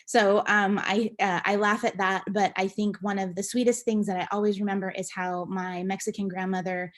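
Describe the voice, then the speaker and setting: A woman's voice: mid-range voice, normal speed. A woman at a board retreat, telling a reflective story about her name. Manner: reflective, even-toned. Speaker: board member. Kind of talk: personal story at a meeting.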